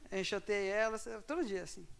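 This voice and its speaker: A man telling a personal story to an audience, animated and swinging between loud bursts and quiet asides. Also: sits high, a little fast, gravelly, smooth. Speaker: speaker at a talk.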